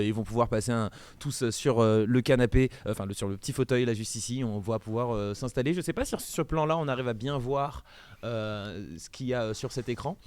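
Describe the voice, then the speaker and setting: A man's voice: mid-range voice, a little mellow, clear, resonant tone. A man hosting a casual podcast in an effusive, enthusiastic, informal way. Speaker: podcast host.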